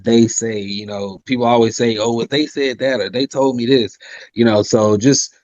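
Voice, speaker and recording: A rapper and singer in his 30s, originally from South Carolina, speaks at a moderate pace with fairly even intonation and a slightly mellow quality, recorded muffled with no room sound. Casual and polite in his interview, he uses many "you know" fillers and says his voice is high.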